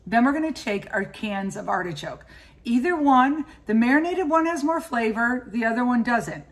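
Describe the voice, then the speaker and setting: A woman's voice: on the high side, animated, normal speed. A woman in her fifties, a cooking vlogger, chatting enthusiastically to the camera as she gives practical grocery and recipe tips. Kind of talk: casual shopping and cooking walkthrough. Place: indoors at home and in a grocery store.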